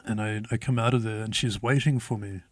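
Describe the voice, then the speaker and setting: A man's voice: fairly low pitch, fairly even intonation, fairly quick, no echo. Kiwi guy telling a story, swears a lot, laid-back, dry close sound. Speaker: interview guest. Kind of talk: casual storytelling.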